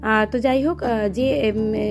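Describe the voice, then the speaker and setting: A young woman from Kolkata talks through her cooking in a loose, chatty way, pausing often on small fillers. Her voice sits a little high, and soft music plays under her talk. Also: gravelly. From Kolkata, West Bengal. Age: young adult. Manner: chatty, explains step by step with many fillers. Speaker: vlogger and mother. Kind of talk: casual cooking and family vlog.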